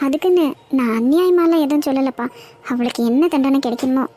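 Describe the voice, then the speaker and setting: A woman voicing a worried, resigned elderly grandmother in a cartoon, speaking softly and wearily. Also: high-pitched, fast, voice pushed down, natural voice.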